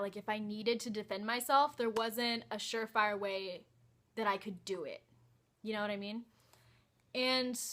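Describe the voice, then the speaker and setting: A young woman recounts a personal story in a casual vlog, hesitant and peppered with "like" and "um". Her voice is bright and clear, at an ordinary pitch. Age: young adult. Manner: hesitant, many "like" and "um" fillers. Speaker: vlogger.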